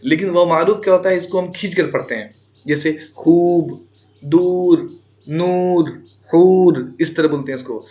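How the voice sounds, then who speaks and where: Slightly high-voiced male teacher drilling terms. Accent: Indian. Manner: repeats terms and asks rhetorical questions before answering them; draws out example words slowly. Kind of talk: grammar lesson for exam students.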